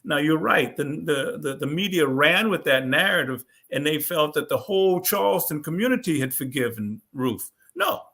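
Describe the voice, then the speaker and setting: A man's voice: a little high, expressive, normal speed, few pauses, sharp tone. A man, an author, speaking thoughtfully in a panel discussion, often restarting his sentences. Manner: thoughtful, with many restarts and fillers.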